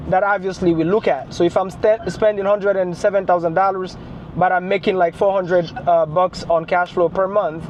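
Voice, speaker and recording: Man, high-pitched, explanatory investor pitching terms on a three-way phone call, faint noise behind. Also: a little mellow. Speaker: real estate investor.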